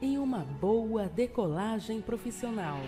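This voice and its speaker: A woman making a formal airport announcement over the intercom, in a slow, drawn-out announcer style. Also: a little high, lively intonation, music in the background.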